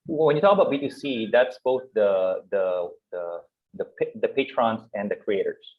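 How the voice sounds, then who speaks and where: Interviewer guy, kinda low voice, tinny phone-ish sound, stumbles looking for words. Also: expressive, slight background noise. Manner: halting, searching for words. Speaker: interviewer, host. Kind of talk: casual interview talk. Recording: tinny phone-like call line.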